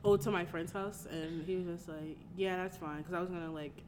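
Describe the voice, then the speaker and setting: A woman's voice: fairly low pitch, fairly quick, in a large hall, background noise. A woman hosting a podcast in casual chat, telling stories animatedly and laughing often. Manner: animated storytelling with frequent laughter. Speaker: podcast host.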